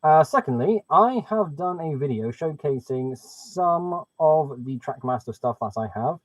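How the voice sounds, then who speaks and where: Speaking a little slowly in an expressive, slightly high voice, a man thinks aloud on a casual live stream while fiddling with settings. There's no echo, but his webcam mic gives a dull, dry sound that's muffled and hollow, like a voice through a pipe.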